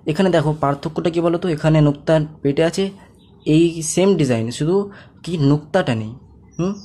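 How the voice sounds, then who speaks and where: A man, teaching a pronunciation lesson and patiently repeating each sound slowly for learners to copy. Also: a little high, mellow. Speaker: Quran reading teacher.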